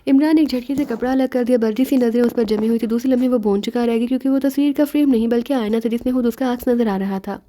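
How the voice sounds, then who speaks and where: Mellow-voiced woman narrating a novel. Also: on the high side, few pauses. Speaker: audiobook narrator.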